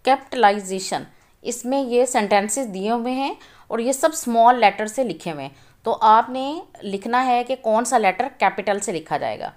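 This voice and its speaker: A woman teacher with a Pakistani accent works through textbook exercises, reading English words slowly and repeating them before explaining quickly in Urdu. Her voice is on the high side, with lively intonation.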